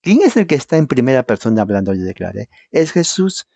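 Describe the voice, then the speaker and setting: A man's voice: mid-range voice, sing-song, quick pace, vocal fry, dark tone, no echo. A man preaching a Bible teaching sermon, reading verses aloud and explaining them, emphatic and firing rhetorical questions at the congregation.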